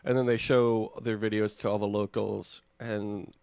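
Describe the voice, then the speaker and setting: Dude from michigan joking around recapping tv, sarcastic, dry mic. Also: male voice, on the low side, flat delivery, normal speed, vocal fry, darkish tone, dry recording. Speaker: podcast co-host. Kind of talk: casual chat recapping a reality show.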